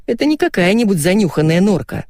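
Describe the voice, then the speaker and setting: A woman's voice: medium pitch, very animated, quick pace, a little mellow, no room sound, clean studio sound. A woman voicing a pushy, boastful rich middle-aged man in an audiobook. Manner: boastful, insistent.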